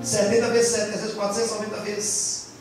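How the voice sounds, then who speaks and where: A man preaching a sermon as pastor, impassioned, swinging between loud and soft. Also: sits high, completely flat delivery, fairly quick. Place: church hall in Japan. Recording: very echoey church hall, far from mic, faint music.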